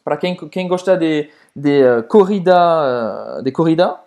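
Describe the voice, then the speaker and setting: A man with a French accent co-hosting a casual lesson, repeating words slowly and deliberately to drill their pronunciation. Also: a little high, lively intonation, darkish tone. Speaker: co-host, French tutor. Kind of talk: casual teaching chat.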